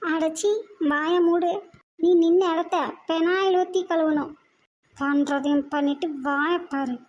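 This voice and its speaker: A woman voicing a sharp-tongued, scolding grandmother in a cartoon, with a Kongu Tamil accent and an insulting manner. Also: extremely high pitch, level tone, measured pace, muffled recording. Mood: contemptuous.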